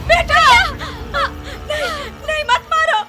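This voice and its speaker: A woman's voice: extremely high pitch, expressive, measured pace. An actress dubbing a desperate middle-aged mother of two in a film, pleading and crying out frantically. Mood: panicked. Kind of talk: Hindi film dub acting. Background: film score music.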